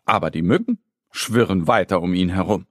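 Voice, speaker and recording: A man narrating a children's story slowly, with a lively, storytelling delivery. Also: low voice, no room sound, clean studio sound.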